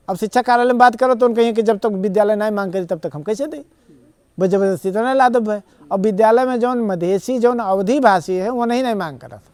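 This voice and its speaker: A man's voice: high-pitched, darkish tone, no echo. A man with an Awadhi accent, a guest in a TV interview, arguing his points earnestly in long rambling explanations. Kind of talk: conversational interview.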